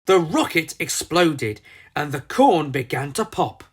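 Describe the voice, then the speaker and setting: A storyteller narrates a children's book theatrically and emphatically, using character voices in a dramatised reading. The voice is medium-pitched and husky, very animated but unhurried.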